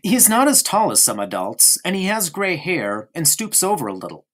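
In an audiobook, a narrator voices a stubborn, chatty young boy, speaking eagerly and insistently. The voice is medium-pitched and sing-song at normal speed, pushed up from the narrator's natural register.

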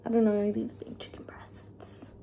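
A woman's voice: fairly high pitch, completely flat delivery, unhurried, dark tone, whispered. A young woman chatting casually while cooking in her home kitchen, with lots of fillers. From Australia. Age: young adult. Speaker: vlogger. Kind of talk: casual cook-along chat. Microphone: phone camera on the counter.

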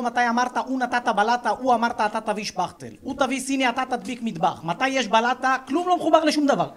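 A man's voice: very high-pitched, a bit bright. Man doing a worker in broken grammar. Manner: broken grammar, slow insistent explaining. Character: worker in broken Hebrew, muddled.

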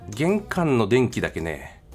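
A man's voice: medium pitch, wildly swooping pitch, unhurried, a little mellow, faint music behind. A man with a Kansai accent narrating his travel vlog in a jokey way, mixing formal phrasing with dialect. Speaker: travel vlogger.

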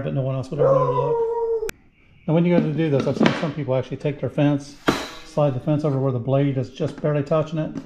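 Recorded on a camera mic in his echoey home garage shop, with faint noise behind him, this middle-aged man hosts a woodworking channel. His voice is a little high with a dark tone, and he explains the project plainly, one step at a time, as he goes.

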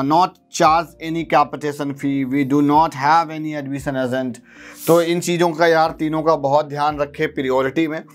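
A man in his thirties explaining a step-by-step process to students in a teaching video, often checking in with a quick question. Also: on the high side. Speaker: counselling guide. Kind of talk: explanatory lesson. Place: studio with blackboard.

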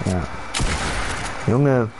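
A man's voice: medium pitch, very slow. A young man, chatting casually and bluntly in street slang while gaming. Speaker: gamer live-streaming. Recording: noisy game-stream headset audio.

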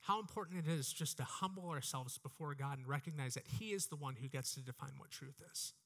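This is a thirtysomething American preacher wearing a headset mic on an indoor church stage. Medium in pitch, brisk and a bit bright, he delivers an earnest, exhorting message full of repeated phrases.

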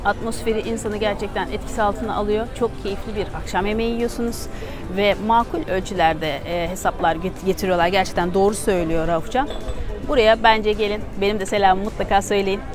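A woman's voice: medium pitch, fairly even intonation, fast, music in the background. A woman in her thirties, a food vlogger, chatting upbeat to a phone held at arm's length at an outdoor seaside restaurant. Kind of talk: casual restaurant vlog.

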